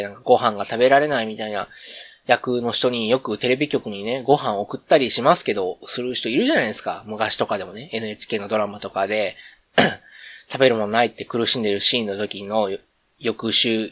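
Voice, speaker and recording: Fairly low in pitch yet bright in tone, this Kansai-accented man talks fairly quickly while hosting a casual solo podcast. He meanders conversationally and keeps correcting himself. There is no room sound.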